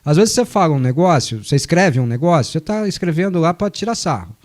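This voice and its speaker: Man, radio host, warm dark tone, slightly raised pitch, joking, talkative. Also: very animated, quick pace. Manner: chatty, joking, long explanations. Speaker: radio sports show host. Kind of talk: casual radio talk, reading listener messages. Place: radio studio.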